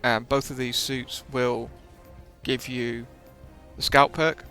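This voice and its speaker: A man's voice: medium pitch, flat delivery, slow, bright, forceful tone, soft background music. A man hosting a gaming video with casual commentary, often hesitating and correcting himself as he explains.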